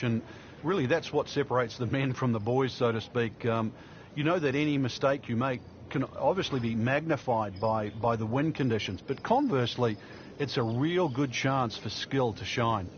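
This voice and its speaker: A man acting as an easygoing golf commentator, the analyst in a sports video game, chatty and explanatory. His mid-pitched voice comes through slightly dull, over clear background noise. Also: normal speed, lightly acted.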